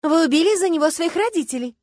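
A woman reading an audiobook, voicing a brash, pushy middle-aged woman who shouts and rushes after people. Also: dry recording, clean studio sound, lightly acted. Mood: shouting, excited. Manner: shrill shouting.

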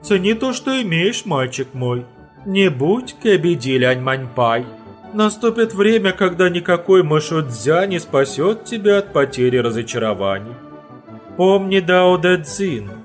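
A man voicing a wistful, sleepy older male mentor who speaks in sayings, slowly and in a sing-song way, in an audiobook reading. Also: very animated, soft background music. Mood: musing. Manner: slow, sing-song delivery with wide pitch swings.

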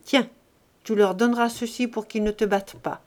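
A woman reading a young woman in an audiobook who is firm but kind, gently reproving. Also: fairly high pitch, fairly even intonation, normal speed, close to an everyday voice.

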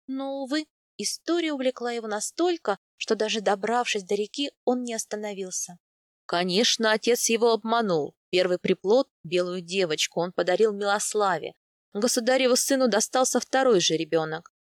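A woman reading a first-person novel aloud in an even, intimate storytelling manner. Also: medium pitch, normal speed, no room sound, clean studio sound. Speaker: audiobook narrator. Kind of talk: first-person scripted narration.

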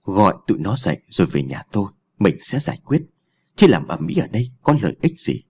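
Proud wealthy matron, voiced by a male narrator: curt, commanding, low husky voice. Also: sing-song, fairly quick, a little mellow, heavily acted. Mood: stern. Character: proud wealthy middle-aged mother, commanding.

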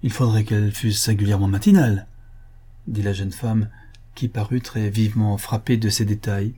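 Husky, mellow male audiobook narrator. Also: lowish voice, moderate pace. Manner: steady, literary reading. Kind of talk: scripted narration of a classic novel.

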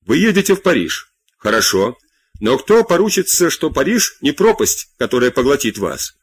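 A man reading an audiobook, voicing a proud, anguished queen who pleads bitterly, pitching his voice up. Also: big pitch swings, normal speed, breathy edge. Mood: bitter pleading. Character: proud anguished Queen Marie Antoinette, woman.

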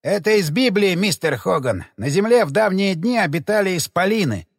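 A man voicing a terrified elderly preacher in a storybook reading, speaking slowly and tremulously. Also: high-pitched, lively intonation, gravelly, in a large hall, heavily acted. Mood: frightened.

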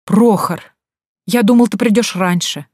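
In a storybook reading, a woman voices a sly, mocking male sorcerer, pitching her voice above her own but keeping it close to an everyday voice. It's mid-range, a little slow and slightly mellow, with clean, dry studio sound.

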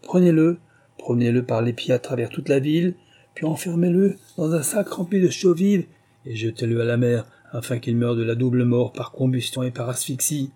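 A man's voice: medium pitch, normal speed, mellow, husky, lightly acted. A man voicing a stern, unforgiving king who gives orders in a raised voice in an audiobook reading. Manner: commanding, raised voice.

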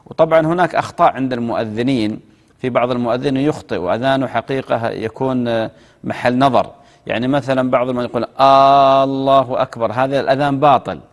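A man, a television sheikh answering viewers' religious questions with measured explanations and chanted example phrases. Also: mid-range voice, in a large hall.

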